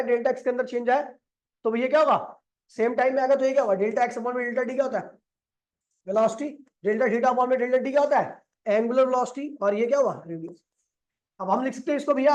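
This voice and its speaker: A male physics teacher with a very high, slightly mellow voice explains things step by step on a board. He keeps posing questions and answering them himself, repeats the key steps, and mixes in English terms.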